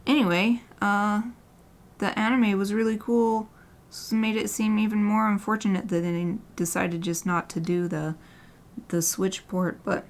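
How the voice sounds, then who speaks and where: A woman artist with a medium-pitched voice keeps up a casual, rambling chat on her livestream as she paints. Her words frequently fade into a soft murmur, punctuated by light laughter.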